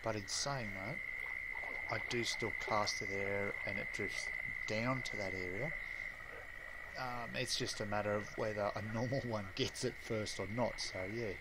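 Slow-talking man narrating gameplay. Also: on the low side, very noisy. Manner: relaxed, rambling, many fillers and pauses. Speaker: game streamer. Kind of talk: casual gameplay tutorial commentary.

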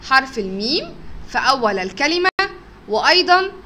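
Egyptian woman, kindergarten teacher, bright and lilting, drags out sounds slowly for small kids. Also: sits high, sing-song, slight background noise. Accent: Egyptian Arabic. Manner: stretches words out slowly to sound out letters, with frequent praise. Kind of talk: recorded phonics lesson for young children.

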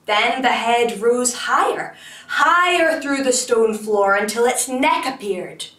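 Slow, expressive woman storyteller. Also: fairly high pitch. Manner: slow, expressive, dramatic pauses. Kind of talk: children's folktale reading. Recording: roomy, distant mic.

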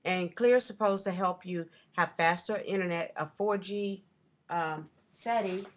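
In an unhurried voice on the low side, a middle-aged vlogger chats casually into her desk webcam from a small room at home. She goes through things she bought, rambling and correcting herself.

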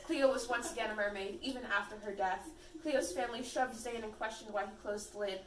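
A woman's voice: on the high side, fairly quick, a crowd in the background. A teenage girl casually reading fan fiction aloud with friends, often breaking into giggles. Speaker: fanfiction reader. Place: room at a birthday party. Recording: echoey room, far from the mic, faint noise.

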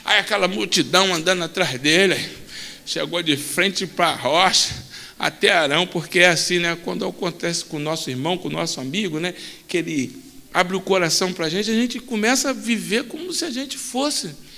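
A man with a Rio de Janeiro accent preaching a sermon in a church, telling stories animatedly and swinging from shouts to murmurs. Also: high voice, normal speed, creaky. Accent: Brazilian Portuguese, Rio de Janeiro. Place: church sanctuary. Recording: long church hall reverb.

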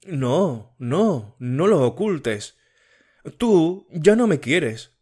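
A man's voice: mid-range voice, expressive, slow pace. A man voicing a sickly, tearful young woman in an audiobook, pleading with her fiancé. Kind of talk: audiobook character reading.

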